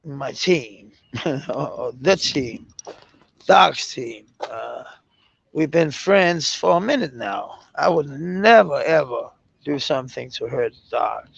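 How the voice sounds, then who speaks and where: A man's voice: medium pitch, lively intonation, slow pace, creaky, breathy edge, no room sound, muffled recording. A Danish man with a Danish accent chatting casually on a livestream, rambling, swearing freely and breaking into laughter often. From Denmark.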